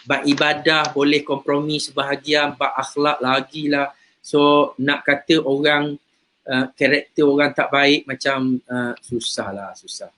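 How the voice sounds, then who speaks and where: A man's voice: mid-range voice, flat delivery, a little slow, sharp tone. A man, a religious teacher, talking casually about faith and character, telling stories and repeating words as he goes. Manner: chatty storyteller, repeats words.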